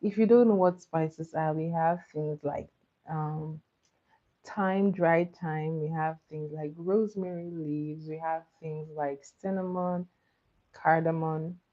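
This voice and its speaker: A woman's voice: sits low, fairly even intonation, slow, dull audio. A woman from Nigeria, sleepily hosting a live trivia stream and patiently repeating each question for her viewers. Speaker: livestream quiz host.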